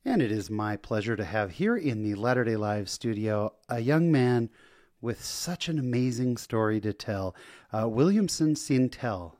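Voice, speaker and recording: A man in his own podcast studio, hosting an interview with lively enthusiasm and a chatty flow. His voice sits at an ordinary middle pitch, and he leans on easy fillers as he talks. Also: a little slow. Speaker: podcast host.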